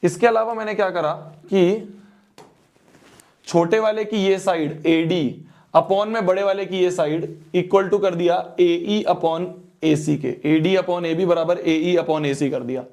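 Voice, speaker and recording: A man's voice: sits high, fairly even intonation, slow, creaky, darkish tone. A young man teaching a math exam-prep lesson, repeating phrases and checking that students follow.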